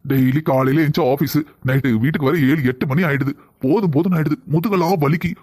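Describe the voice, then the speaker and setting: Brief: man playing a breezy cartoon husband, southern Tamil accent, brisk, slightly high. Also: fairly even intonation, a little mellow, lightly acted. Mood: relaxed. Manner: offhand, dismissive. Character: careless easygoing young husband. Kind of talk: cartoon voice acting.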